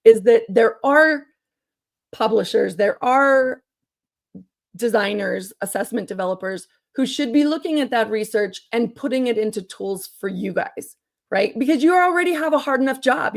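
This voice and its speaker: A woman's voice: fairly high pitch, creaky. Woman with a strained, overused voice. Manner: emphatic, explanatory, often checking with "right?". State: voice strained after a weekend of loud talking. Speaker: guest researcher and curriculum developer. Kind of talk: earnest panel discussion.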